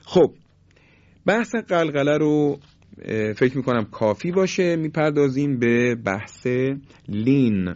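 A man teaching Quran recitation in Persian, explaining each rule, then drawing out the example words slowly and firmly. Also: mid-range voice, expressive, a little mellow. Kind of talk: tajwid lesson with slow demonstrations. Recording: dull lo-fi sound.

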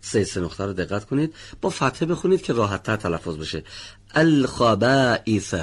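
A man teaching the pronunciation of a letter in a radio lesson, reading model words slowly and drawn out, then correcting learners one by one. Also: fairly low pitch, sing-song, slightly rough. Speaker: Quran recitation teacher.

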